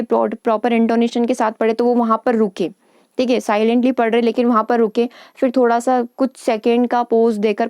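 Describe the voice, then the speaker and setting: Woman lecturer, mellow and smooth, explaining patiently with frequent check-ins. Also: a little high, dry recording, clean studio sound. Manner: explains in Hindi with English terms and quick check-ins; reads English lines slowly and carefully. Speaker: teacher. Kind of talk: lecture on English teaching.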